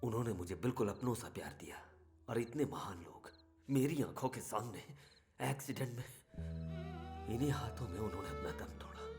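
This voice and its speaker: A man's voice: medium pitch, expressive, a little fast, music in the background, close to an everyday voice. An actor dubbing a stern middle-aged village father figure in a film, heartfelt and then angry. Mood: grieving. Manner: emotional, then shouting angrily. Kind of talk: Hindi film dub.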